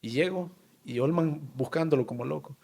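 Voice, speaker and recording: A man with a Honduran accent, a town mayor telling a personal story in an interview, halting and emotional with many pauses and fillers. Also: fairly high pitch, vocal fry, a little mellow. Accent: Honduran Spanish.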